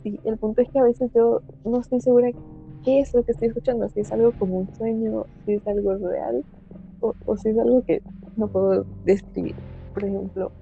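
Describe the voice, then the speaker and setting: A woman's voice: on the high side, steady tone, brisk, creaky, narrow, tinny audio, soft background music. A female guest recounts her eerie experiences casually, in a thoughtful, hesitant way, searching for words. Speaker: guest storyteller.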